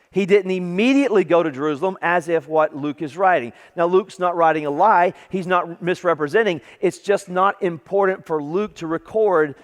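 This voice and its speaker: A man with a Southern US accent preaching a sermon in a church, talking conversationally and then reading scripture with dramatic emphasis. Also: sits high. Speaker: pastor. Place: large church sanctuary. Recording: long hall reverb.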